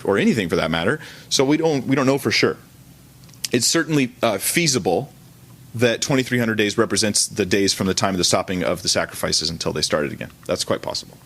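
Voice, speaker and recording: With a fairly low, fairly bright voice, a man teaches a church service as its pastor. His sermon is informal, conversational and colloquial, and he often corrects himself mid-thought.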